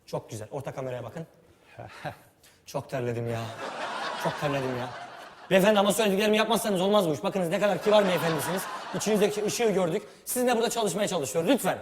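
In a comic improvised sketch, a man plays a bossy mock film director, pompous and mock-formal, laughing as he barks orders. He has a high voice and talks fast, recorded in a reverberant hall with loud background noise.

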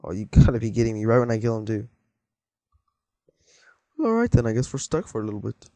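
A sing-song, warm, lowish voice carries a teenage boy's fairly quick, rambling commentary as he plays a game. Easily startled, he jokes with viewers throughout this casual let's-play, recorded without room sound.

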